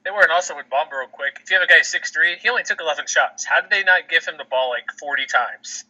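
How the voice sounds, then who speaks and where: A man's voice: on the high side, fast talker, bright, forceful tone. A man hosting a podcast in casual sports chat over a phone call, chatty and laughing often. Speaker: podcast host. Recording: lo-fi phone line.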